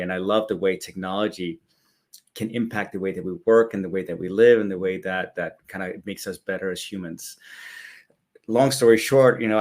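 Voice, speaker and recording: A man in his forties from Denmark, a business executive telling his story as an interview guest with enthusiasm. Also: fairly low pitch. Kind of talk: conversational interview answers.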